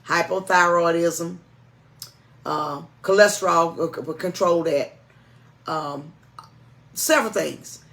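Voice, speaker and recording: A woman's voice: on the low side, slow, pauses often, fairly bright tone. Folksy woman, church co-host. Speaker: church music director and co-host. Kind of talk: informal announcements and chat.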